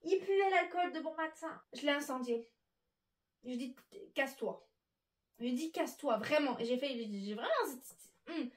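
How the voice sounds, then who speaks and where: A woman telling a story to her viewers while sorting her clothes, chatty and animated. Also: high-pitched, normal speed. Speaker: vlogger. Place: bedroom with wardrobe. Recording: echoey room, mic at a distance.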